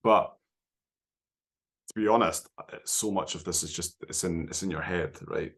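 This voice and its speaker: Really deep voiced guy, chatty podcast guest, keeps saying right?. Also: moderate pace. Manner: animated storytelling, frequent "right?" tags. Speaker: podcast guest, endurance runner. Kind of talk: casual conversation.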